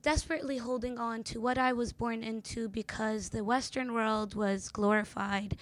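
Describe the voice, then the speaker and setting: A Jordanian woman in her twenties, a native Arabic speaker with an American accent, performs spoken word poetry with rhythmic emphasis. Her fairly high voice keeps a steady tone at normal speed, and the recording has no echo.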